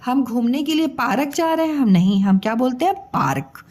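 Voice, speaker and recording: A woman's voice: sits high, animated, a little fast, darkish tone. A woman teaching young children, spelling out sounds syllable by syllable and repeating each word patiently. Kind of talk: slow spelled-out children's lesson.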